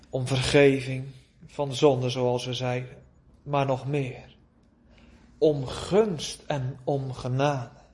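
A man preaching a sermon, pleading with his listeners and drawing out words between long pauses. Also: medium pitch, darkish tone, slight background noise.

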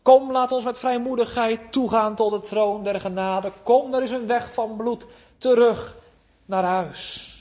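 A man preaching a sermon, pleading with his listeners and drawing out words between long pauses. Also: very high voice, fairly even intonation, a little mellow.

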